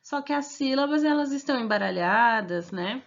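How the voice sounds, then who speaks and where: A woman's voice: on the high side, expressive, moderate pace, vocal fry, dull audio. A woman with a Brazilian accent, a primary school teacher who records class instructions and explains each step patiently, checking in often with her pupils. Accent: Brazilian Portuguese.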